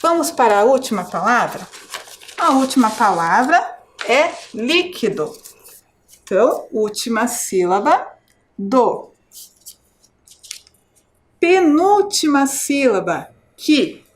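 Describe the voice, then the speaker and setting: A woman teaching a video lesson to young children, slowly sounding out words syllable by syllable with a Brazilian Portuguese accent, often checking in with them. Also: a little high, big pitch swings. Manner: slow, syllable-by-syllable drawn-out pronunciation. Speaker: primary school teacher.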